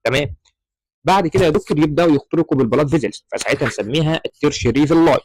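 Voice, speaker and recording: A man's voice: a little high, very fast, darkish tone, no echo, rough recording. A man with an Egyptian Arabic accent explaining embryology slides to medical students, often calling the listener "doctor" and mixing in English terms. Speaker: medical lecturer.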